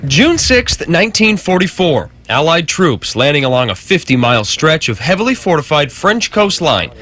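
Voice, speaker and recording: A man's voice: a little high, very animated, normal speed. A man with an American accent reading scripted narration as a television news reporter.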